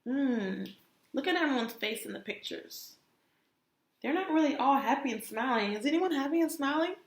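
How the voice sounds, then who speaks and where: In an echoey room, a kindergarten teacher reads a children's story aloud with plenty of expression, pausing to ask her young listeners questions. Her voice is high and her intonation lively, at a normal speed.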